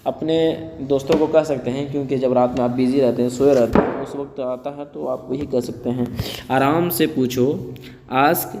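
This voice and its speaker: A man teaching spoken English, saying each phrase slowly twice and then explaining it quickly in Hindi. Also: mid-range voice, fairly even intonation, vocal fry, in a large hall, noisy background.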